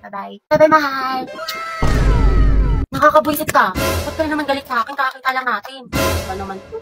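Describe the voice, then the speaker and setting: A young woman tears through comedy sketches in a quick, teasing, bickering way. Her voice sits high and the talk races along. Music plays under her lines. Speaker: comedy skit performer. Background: background music.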